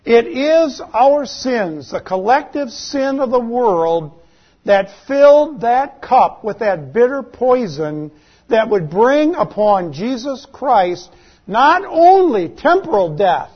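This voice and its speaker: A man preaching a sermon as pastor, slow and dramatic, his questions rising and his phrases falling away at the ends. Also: very high-pitched, very animated, slightly rough, muffled recording.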